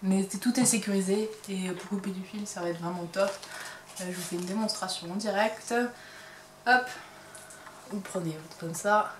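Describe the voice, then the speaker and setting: A woman's voice: mid-range voice, fairly even intonation, moderate pace, a little hiss or hum. A woman hosting a crochet and knitting podcast, chatting casually and hesitantly with many fillers as she shows her purchases from her home workshop. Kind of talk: casual chat showing items to camera. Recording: roomy, distant mic, faint ambience.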